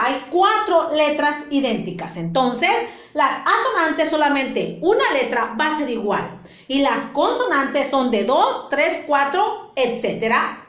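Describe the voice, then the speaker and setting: Mexican woman teacher for kids, high animated voice, slow and patient, echoey room. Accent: Mexican Spanish. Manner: patient, explains step by step, repeats points with diminutives. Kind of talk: classroom lesson for children.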